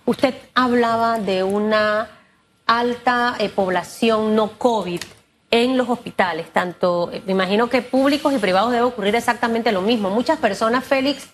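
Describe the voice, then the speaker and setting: A woman's voice: on the high side, moderate pace, slight background noise. A woman with a Panamanian Spanish accent hosting a broadcast interview in an informal, direct, colloquial way. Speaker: talk show host. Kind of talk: lively conversational broadcast interview.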